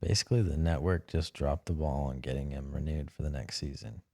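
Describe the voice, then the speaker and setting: A young man co-hosting a podcast in casual chat, blunt and quick to swear. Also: a bass voice, vocal fry, darkish tone, dry recording, clean studio sound. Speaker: podcast co-host.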